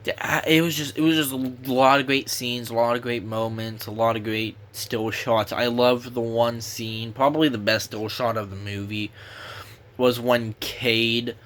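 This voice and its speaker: A young man talks through a casual movie review with a sore throat. His voice sits at an ordinary middle pitch. He rambles, restarts his sentences and swears in passing. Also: fairly even intonation, measured pace, fairly bright tone, a little hiss or hum.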